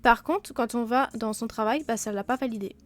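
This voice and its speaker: A woman's voice: a little high, brisk, soft background music. A woman hosting a game let's play, talking casually and self-mockingly with many fillers, sick with a blocked nose and sore throat.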